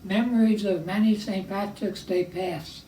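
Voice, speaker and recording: An older man co-hosting a homemade cooking video, making dry, low-key remarks in casual chat. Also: fairly even intonation, a little slow, dark tone. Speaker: co-host of a home cooking video. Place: room in a retirement community home. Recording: echoey room, voice from far off, faint hiss.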